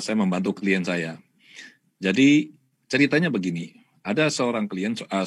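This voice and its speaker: A man's voice: fairly low pitch, husky, dry recording, clean studio sound. A man speaking in an online talk show, telling a client story and acting out both sides of the conversation. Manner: animated, acts out both sides of a dialogue. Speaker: guest speaker, therapist.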